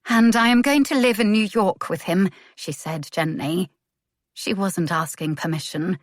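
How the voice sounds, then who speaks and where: Woman, romance audiobook narrator, measured, low voice, dry close sound. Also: dry recording. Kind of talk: scripted narration.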